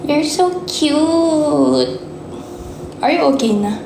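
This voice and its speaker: A woman's voice: high-pitched, animated, takes it slowly, creaky, noisy background. A woman, chatting playfully and teasingly in a casual family vlog. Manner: playful, teasing, switches between Tagalog and English.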